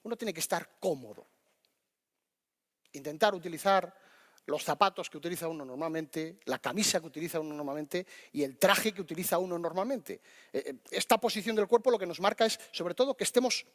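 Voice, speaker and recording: A man giving a lecture on public speaking to an audience, talking to them directly and lively, with many restarts. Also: high-pitched, fairly quick, long reverb tail.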